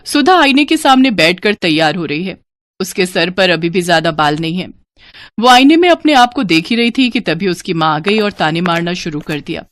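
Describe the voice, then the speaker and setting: A woman's voice: fairly low pitch, expressive, moderate pace, fairly bright tone. Woman narrating a storybook.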